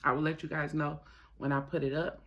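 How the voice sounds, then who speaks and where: A man hosting a mukbang, talking casually to viewers with his mouth sometimes full, gossipy and emphatic, pausing and repeating phrases. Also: a little high, level tone, fairly bright tone, highs cut off. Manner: talks while eating, mouth sometimes full. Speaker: mukbang host. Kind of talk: casual chatty commentary to viewers while eating.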